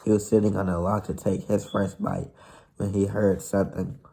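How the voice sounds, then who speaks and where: A man's voice: sits low, little pitch movement, normal speed, vocal fry, warm tone, a little hiss or hum. A man reading a children's novel aloud who stumbles and restarts now and then. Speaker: reader of a novel.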